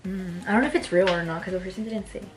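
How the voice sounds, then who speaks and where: A woman's voice: on the low side, fast talker, faint music behind. A young woman vlogger telling a story in a casual chat, often checking in with "right?".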